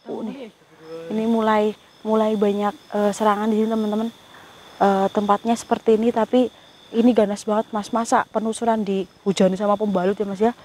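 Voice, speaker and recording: A woman's voice: mid-range voice, level tone, a little fast, dark tone. A woman hosting a ghost-hunting vlog outdoors, talking casually and calling her companion "Mas" and her viewers "teman-teman.". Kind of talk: casual on-location vlog talk. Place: outdoors among trees.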